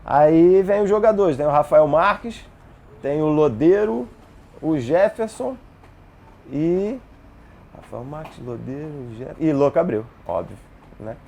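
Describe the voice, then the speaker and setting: A man, telling lively personal stories in a casual interview. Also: on the high side, a little slow, creaky, long pauses. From Brazil. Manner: animated, acts out dialogue in his stories.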